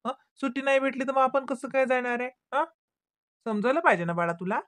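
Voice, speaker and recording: A woman voicing a gentle, coaxing father in an animated cartoon, with a Varhadi Marathi accent. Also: high voice, a little fast. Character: soothing, indulgent cartoon father.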